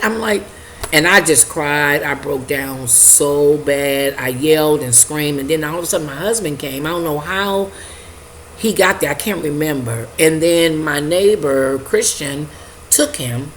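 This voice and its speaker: An older woman telling an emotional personal story, halting and repeating herself as she acts out her own reactions. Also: deep voice, a little hiss or hum, poor audio. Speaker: vlogger sharing a personal testimony.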